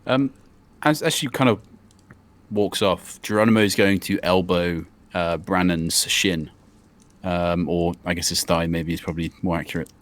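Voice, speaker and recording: Low-voiced guy playing a tabletop game, stammers a lot, unsure. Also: moderate pace. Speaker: player. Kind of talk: casual tabletop play.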